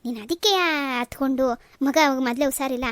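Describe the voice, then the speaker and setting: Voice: high voice, fairly even intonation, fairly quick, no echo, lightly acted. One performer voicing a soothing old father. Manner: soothing, reasoning. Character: calm older father consoling his daughter. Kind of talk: cartoon voice acting.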